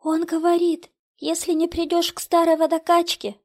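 A woman's voice: very high-pitched, completely flat delivery, normal speed, pitched above the performer's own voice. A woman voicing a terrified teenage girl who screams and sobs for her father in a horror story. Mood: panicked. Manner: screaming, sobbing pleas.

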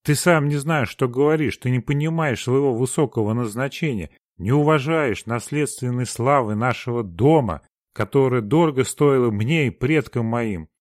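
A man voicing a proud, fiery old grandee obsessed with his family lineage, who shouts and trembles with rage. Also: deep voice, fairly even intonation, measured pace, dry recording, clean studio sound. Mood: furious. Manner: shouting, furious, trembling declamation.

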